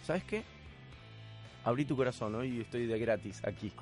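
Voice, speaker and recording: A man's voice: medium pitch, normal speed, a little mellow, faint music behind. A man with a Rioplatense Spanish accent, hosting a casual comedic chat as a playful, rambling storyteller. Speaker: podcast host.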